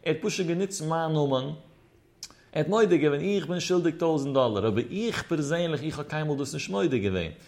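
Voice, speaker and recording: A man's voice: a little high, lively intonation, normal speed, gravelly, a little mellow. A man teaching a religious text, reading short phrases and then explaining them with a chanting, rising-and-falling lilt. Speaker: Talmud teacher.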